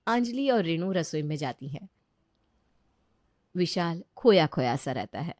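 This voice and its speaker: A woman narrating a children's cartoon story in a lively, animated storytelling voice that moves a lot in pitch. Her delivery is scripted and clear. The recording is close and completely dry. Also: measured pace, no room sound. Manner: expressive storytelling.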